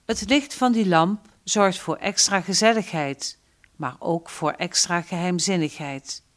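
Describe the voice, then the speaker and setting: A woman narrating a storybook in a measured reading voice. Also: lowish voice.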